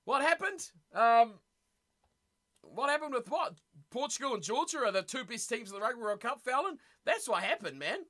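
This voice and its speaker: Casual New Zealand male streamer, lively up-and-down delivery, joking with chat. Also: extremely high pitch, moderate pace. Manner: chatty, teasing, laughs often. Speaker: streamer hosting a rugby watch party. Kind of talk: casual live-stream chat, reading chat aloud.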